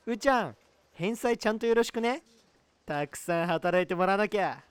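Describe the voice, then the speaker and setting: In an amateur comedy radio drama, a man plays a boastful, lovestruck young guy who is excitable and gushes in a boyish way. His voice is high and clean, at a moderate pace, with no echo, and he sounds elated.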